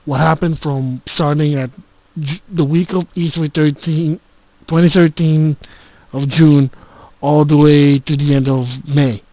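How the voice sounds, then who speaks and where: A man giving a casual gaming channel update, recorded on a handheld game console's voice recorder like a dictaphone, halting and restarting often. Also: fairly high pitch, fairly even intonation, dark tone, no room sound, poor audio. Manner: halting, with frequent restarts and filler words. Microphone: handheld game console's built-in recorder.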